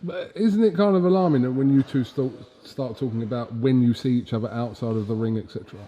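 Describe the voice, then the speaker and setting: A man's voice: medium pitch, fast talker, mellow, highs cut off. A man asking informal questions as an interviewer.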